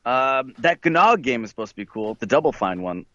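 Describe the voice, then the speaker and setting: A man's voice: medium pitch, big pitch swings, normal speed, fairly bright tone, no room sound. A man chatting casually over an internet call line that cuts out now and then, with a loose, filler-heavy way of talking. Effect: heard over an internet call line that cuts out. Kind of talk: casual chat. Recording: dull, dry call-line audio.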